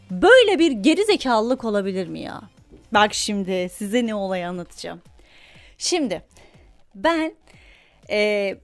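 A woman hosting a podcast, telling a casual story in an animated way, laughing often and swearing freely. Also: fairly high pitch, no room sound. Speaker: podcast host.

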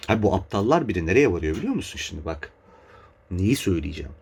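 A husky-voiced man on a podcast, venting in a heated, profane rant. His pitch leaps up and down as he talks, and he keeps breaking into incredulous laughter. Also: big pitch swings, fast talker. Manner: profane, exasperated, laughing in disbelief. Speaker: podcast host.

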